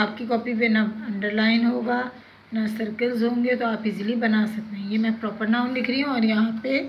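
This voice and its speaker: A woman teacher reads a textbook lesson aloud to pupils, pronouncing English words slowly and deliberately. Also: fairly high pitch, slight background noise. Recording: slightly dull lo-fi sound with faint ambience.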